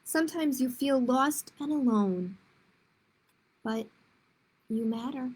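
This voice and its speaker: Slow and slightly rough, this woman's high voice carries a children's storytime. As the librarian host, she reads picture books aloud in plain phrases and chats casually with her young audience between lines.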